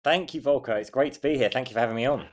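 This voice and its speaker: A man's voice: medium pitch, very fast. A middle-aged man, a coach, talks as a podcast guest, telling his story in an informal, explanatory way. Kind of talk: casual interview storytelling.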